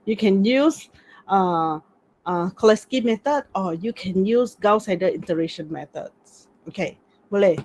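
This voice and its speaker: A woman's voice: medium pitch, animated, unhurried, darkish tone. A woman with a Malaysian accent teaching an informal online class as a lecturer, speaking colloquial Malaysian English mixed with Malay words and particles like lah. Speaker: university lecturer. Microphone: computer video-call mic.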